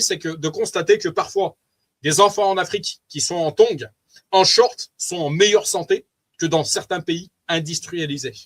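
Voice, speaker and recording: Reading from notes, a French-accented man delivers a sincere, preachy testimony and comments aloud to his wife along the way. He speaks in a high voice.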